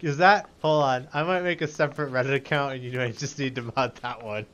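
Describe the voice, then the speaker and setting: Young male streamer, bright, forward tone; joking, mock-indignant banter. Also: mid-range voice, fairly even intonation, a little fast, clean tone. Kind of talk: casual gaming voice chat.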